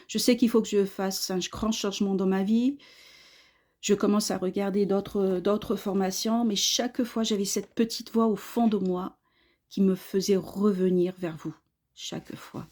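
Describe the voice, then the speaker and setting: A woman in her fifties from Australia, giving an earnest personal testimonial in short, halting phrases. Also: mid-range voice, steady tone, a little mellow. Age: 50s. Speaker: course student giving a testimonial.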